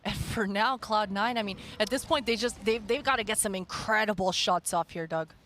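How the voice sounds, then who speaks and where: A man's voice: high-pitched, moderate pace, bright, forceful tone, a little hiss or hum. A man giving live esports colour commentary and analysis, enthusiastic and emphatic, drawing out key words.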